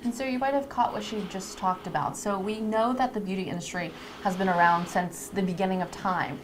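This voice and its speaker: This woman talks fairly quickly, her medium-pitched voice keeping a fairly even intonation. As co-host of a live stream, she introduces a lash artist, chatting casually and explaining things to viewers. There's no background noise in the recording.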